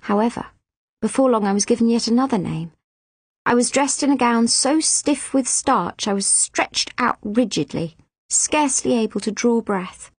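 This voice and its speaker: A woman reading a children's audiobook in an expressive, emotive first-person storytelling style. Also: a little high, normal speed, breathy edge, no room sound. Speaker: audiobook reader. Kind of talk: scripted first-person narration.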